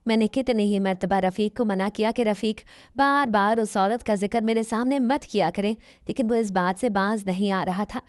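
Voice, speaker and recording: A woman's voice: medium pitch, moderate pace, few pauses, no echo. A woman narrating a first-person moral story in an earnest, emotional way, close to the mic.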